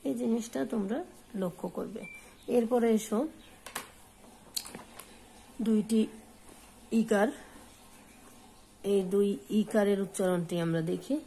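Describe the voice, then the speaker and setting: A woman teacher giving a spoken lesson, saying example words slowly and repeating them for her pupils. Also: mid-range voice, steady tone, creaky, dark tone, a little hiss or hum, rough recording. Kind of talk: slow spoken lesson on pronunciation.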